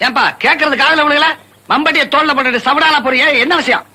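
A domineering village man threatens and scolds in a film drama. His voice sits very high and sounds sharp and cutting. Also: fairly even intonation, quick pace, heavily acted, rough recording. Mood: angry. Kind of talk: Tamil film acting.

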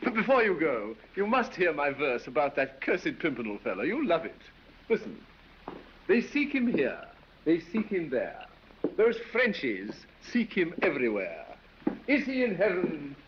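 A man's voice: fairly high pitch, wildly swooping pitch, a little slow. A man playing a foppish, affected English aristocrat with an English accent, drawling and silly, in 1930s film acting. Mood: foppish banter. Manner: drawling, silly, laughs at his own jokes. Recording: dull 1930s film soundtrack with faint hiss.

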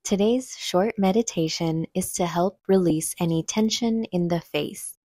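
Gentle, unhurried meditation instructions come from a woman with a fairly low pitch. Long pauses fall between her phrases, and the recording has no echo.

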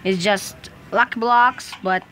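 A young female host chatting excitedly and giggling while playing a block-building game. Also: mid-range voice, takes it slowly. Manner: giggly, excitable, shrieks during play. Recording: noisy home recording.

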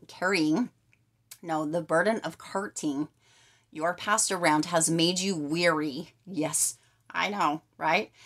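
A woman with a slightly low voice gives an upbeat tarot reading straight to her viewers. She talks emphatically, repeats her catchphrases and keeps checking in with "okay" and "right". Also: a bit bright. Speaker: tarot card reader. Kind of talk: casual tarot reading to camera.

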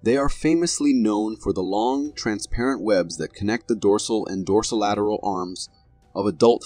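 Husky low-voiced male narrator. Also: a little mellow. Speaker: narrator of a viral video compilation. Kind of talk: scripted narration.

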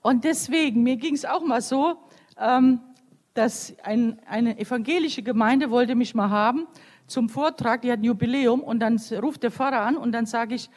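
A woman's voice: a little high, normal speed, darkish tone. Woman, fifties, nun, from Croatia, storytelling sermon, long hall echo. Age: 50s. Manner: storytelling, acting out quoted voices. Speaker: nun giving a talk. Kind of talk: lively spoken sermon. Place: large venue at a youth meeting.

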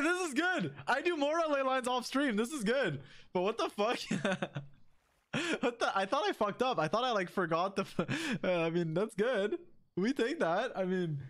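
A male game streamer talks casually to his viewers in a high voice. His pitch swings widely as he teases, swears and jumps from joking shouts to low mutters. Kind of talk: casual livestream chat with viewers.

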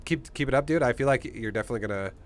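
A streamer and gaming coach in his thirties talks rapid-fire at a medium pitch, coaching a gamer in a relaxed, supportive way. He's close to the mic, and faint background noise can be heard.

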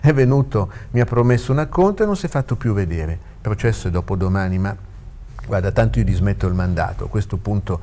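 A man's voice: on the low side, animated, fast talker, mellow, a little hiss or hum. A man voicing a young male lawyer who talks hesitantly, full of fillers, in a read-aloud story. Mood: complaining. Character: young lawyer, uncertain and chatty.

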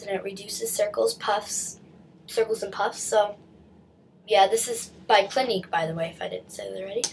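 Sitting at her desk in a small bedroom, a teen vlogger talks through her shopping haul into a webcam, congested from a cold and full of "likes" and false starts. Her pitch is medium, and the low-quality recording carries a little hiss or hum.

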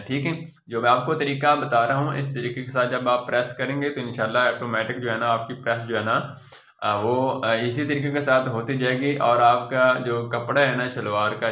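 A man's voice: mid-range voice, pushed and bright, reverberant. A man, patiently walking viewers through ironing step by step and checking in after each one. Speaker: tailor teaching ironing. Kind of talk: step-by-step how-to demonstration.

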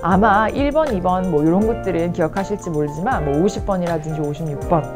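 A woman teaching an online English lesson, who mixes explanations with slow, carefully enunciated example sentences and keeps checking in with the viewer. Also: lowish voice, over loud music. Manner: frequent check-ins with the viewer.

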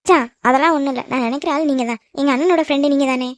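A woman's voice: sits high, rapid-fire, no echo, studio quality. A woman with a Tamil accent voicing cartoon characters, scolding and teasing. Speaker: voice actor in a cartoon. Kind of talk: animated cartoon dub acting.

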